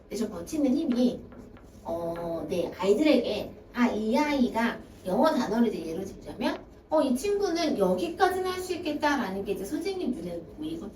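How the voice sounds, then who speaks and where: A woman's voice: a little high, very animated, fairly quick, darkish tone. A woman academy director giving a talk to parents, explaining her points by acting out students' excuses in their voices. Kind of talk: parent information session talk. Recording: echoey room, voice from far off, faint hiss.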